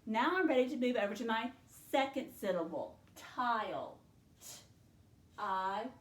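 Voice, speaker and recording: A woman teacher leading a spelling lesson, slowly and clearly sounding out syllables and letters for her students. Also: a little high, very animated, reverberant. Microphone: in front of a whiteboard.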